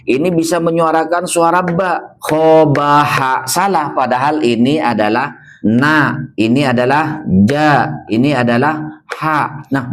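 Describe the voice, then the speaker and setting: In a beginner Quran reading class, a mid-range male voice poses questions and then answers them on his own. When he demonstrates recitation, he stretches the words out slowly.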